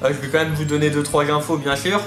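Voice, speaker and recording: A fairly high, slightly bright male voice talks fast in a flat way, with an unusual articulation and a slight lisp. As host of a reptile hobby YouTube channel, he chats on in a casual, rambling manner and repeats himself. The recording has a roomy echo with faint music in the background.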